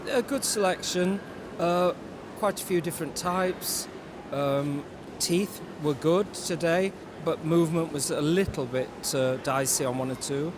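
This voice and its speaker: A man who judges dogs, giving measured, informative interview answers outdoors. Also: a little high, background noise. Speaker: dog show judge. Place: outdoors at a dog show.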